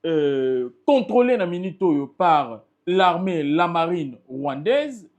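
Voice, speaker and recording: Congolese guy on a political interview, fired up and emphatic, higher pitched voice. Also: big pitch swings, takes it slowly, a little mellow. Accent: Congolese French. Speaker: political party spokesperson, guest.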